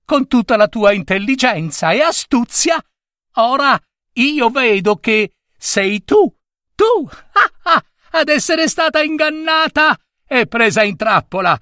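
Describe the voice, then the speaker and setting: A small trickster squirrel demon crows and taunts in a shrill, jumping voice that leaps far above a man's usual pitch, as a male storyteller puts him on. He cackles through his lines with wild, lively swings of pitch, close and dry against the mic. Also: takes it slowly, no echo, full character voice. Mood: gloating.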